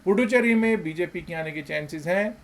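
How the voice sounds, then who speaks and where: A man giving emphatic commentary as a market analysis host, with rhetorical questions and swings between loud and soft. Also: high-pitched, moderate pace.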